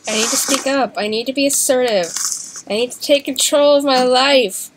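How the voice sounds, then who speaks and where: Quiet young woman co-player, mumbly and soft, casual gaming banter, noisy clicky recording. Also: high-pitched, normal speed. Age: young adult. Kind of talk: casual let's-play chat.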